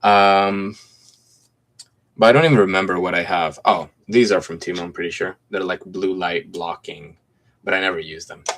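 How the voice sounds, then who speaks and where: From a home room painted mint green, a laid-back man in his twenties from Greece chats on a phone livestream, going through viewer comments one by one, reading each out and replying. He talks at normal speed in a deep, low voice tinged with a slight American accent.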